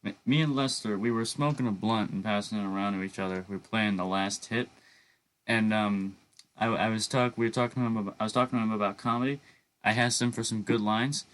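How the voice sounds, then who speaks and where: A young man co-hosting a casual podcast, joking around with many restarts and halting phrases. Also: fairly low pitch, steady tone, a bit bright. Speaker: podcast co-host.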